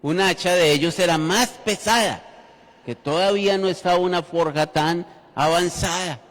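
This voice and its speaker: A man's voice: sits high, moderate pace, a bit bright. A man preaching a sermon in church, telling the story with humor and speaking directly to the congregation. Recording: reverberant church hall.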